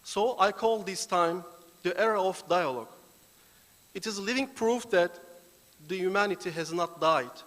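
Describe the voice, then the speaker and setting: High-voiced man praying solemnly in a hall. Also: fairly bright tone. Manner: solemn, deliberate invocation. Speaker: foundation volunteer giving the opening prayer. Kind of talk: formal prayer and address. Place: large banquet hall. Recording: reverberant hall.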